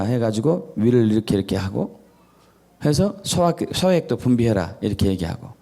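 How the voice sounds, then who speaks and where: A male pastor preaching a sermon who keeps asking the congregation questions and answering them himself, stacking up repeated phrases in lists. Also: a little high. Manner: acts out scolding and gentle parent voices; repetitive listing cadence.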